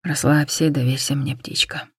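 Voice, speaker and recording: A calm, tender male lover speaks in a quiet, husky murmur, unhurried and reassuring, voiced by a woman narrating an audiobook. The voice sits low and the sound is dry and close, with no room around it. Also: no room sound, heavily acted. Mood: soothing. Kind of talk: audiobook reading.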